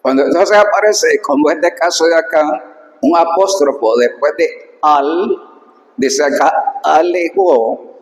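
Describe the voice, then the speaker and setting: A man teaching Biblical Greek pronunciation in a slow recorded lesson, repeating words and stressing the key points. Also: on the high side, expressive, gravelly. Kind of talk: recorded lesson explaining slides. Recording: echoey room with long reverb.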